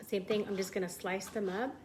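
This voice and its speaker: A woman hosts a casual home cooking show, demonstrating a recipe in her kitchen and chatting enthusiastically to viewers she calls "you guys." Her mid-range voice has fairly even intonation, a darkish tone and a slightly fast pace, with slight background noise.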